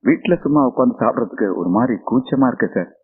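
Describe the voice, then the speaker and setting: A man's voice: mid-range voice, animated, fast talker, very noisy, natural voice. An actor playing a deferential young man who politely explains an idea to his elder. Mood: earnest. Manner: polite, deferential, says sir. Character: humble young man pitching a bill-paying idea. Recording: phone-like band with film music.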